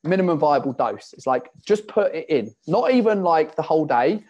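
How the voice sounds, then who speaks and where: A man with a voice pitched a little on the high side, talking as an online fitness coach. He tells animated stories, slips into his clients' voices to act out conversations, and swears freely while giving casual, frank advice. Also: moderate pace, lo-fi sound.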